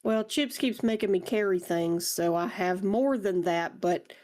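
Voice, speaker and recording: A woman's voice: mid-range voice, unhurried, darkish tone, close to an everyday voice. A woman playing a wry, genteel traveller with folksy, colloquial talk in a tabletop game.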